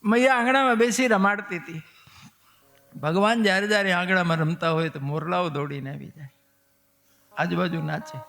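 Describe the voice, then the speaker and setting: A man's voice: sits high, gravelly, a bit bright. A man telling a devotional story as a sermon, acting out the voices in the dialogue with animation. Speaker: katha storyteller. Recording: long hall reverb with faint music.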